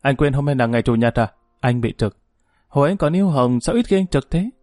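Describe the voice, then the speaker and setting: A man voicing a resentful, sharp-tongued young woman in an audiobook story, speaking in a sarcastic and reproachful way. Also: mid-range voice, steady tone, a little fast, no echo, studio quality, lightly acted.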